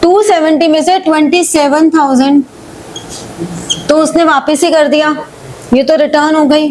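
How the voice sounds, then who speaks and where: High-voiced woman teacher, slow deliberate delivery. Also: steady tone, a little mellow, a little hiss or hum, low-quality recording. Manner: reads question text slowly, then explains in quick Hindi-English mix; checks understanding with frequent "ठीक है" and questions. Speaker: accountancy teacher. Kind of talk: live online class, solving problems step by step.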